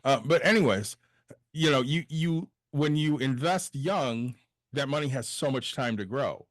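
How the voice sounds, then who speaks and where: A man's voice: medium pitch, measured pace, no echo, clean studio sound. A man in his forties co-hosting a casual podcast, blunt and jokey, swearing freely. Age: 40s. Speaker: podcast co-host.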